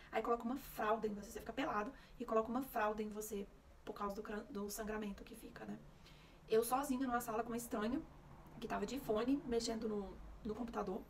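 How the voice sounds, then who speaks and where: A woman's voice: a little high, vocal fry, distant mic, a little hiss or hum. A young woman from Brazil with a Brasília Portuguese accent, telling a personal story to camera in a candid, conversational way and acting out the dialogue. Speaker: vlogger.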